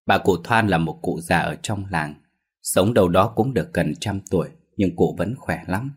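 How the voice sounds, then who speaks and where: A man narrating a Vietnamese village ghost story in a steady, measured way. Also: deep voice, slightly rough.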